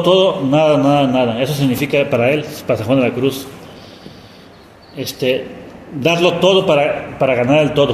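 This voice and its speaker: A Mexican man gives a reflective sermon in a fairly high voice, often checking with his listeners and restarting his phrases. His voice rings through a large hall with a long, trailing reverb. A faint ambience hums underneath. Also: a little hiss or hum. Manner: reflective, with frequent rhetorical "¿no?" and restarts. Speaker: preacher.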